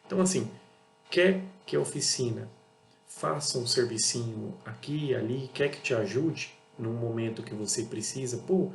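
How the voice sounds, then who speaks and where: A man's voice: mid-range voice, moderate pace, vocal fry, faint music behind. A Brazilian man running an auto parts business talks bluntly in a casual monologue, repeating himself and acting out exchanges with customers. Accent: Brazilian Portuguese. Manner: blunt, repetitive, acts out dialogues with customers. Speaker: auto parts seller and channel host. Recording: echoey room with faint hum.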